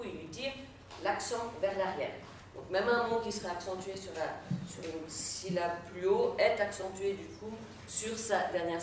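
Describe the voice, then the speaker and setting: A woman gives a lecture, pausing often and stumbling over her words as she explains. Her voice bounces around a very echoey room, heard from well away from the mic. A faint hiss sits under the recording. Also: mid-range voice, far from the mic. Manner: explanatory, frequent hesitations and fillers. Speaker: Latin teacher.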